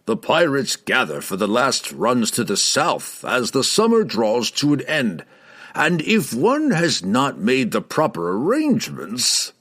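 A man reading aloud, voicing an old male wizard who speaks slowly and ominously. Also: medium pitch, sing-song, a bit bright, husky, pitched above the performer's own voice, full character voice. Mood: grave. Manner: slow, measured, ominous delivery.

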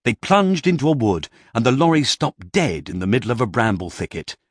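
Lively, husky male storyteller. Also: mid-range voice, no echo, clean studio sound. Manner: expressive, with hushed dramatic pauses. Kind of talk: children's storybook narration.

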